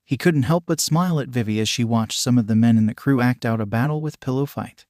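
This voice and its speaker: A man narrating a fan fiction story in a steady, even reading, with a middle pitch. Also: dry recording, studio quality. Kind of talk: scripted narration.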